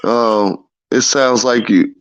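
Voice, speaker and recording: A man's voice: mid-range voice, fairly even intonation, takes it slowly, lo-fi sound, a crowd in the background. A male show host chatting casually on a live stream, his voice coming through garbled and underwater-sounding from a bad internet connection. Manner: laid-back, calls everyone "man". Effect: garbled underwater-sounding internet audio.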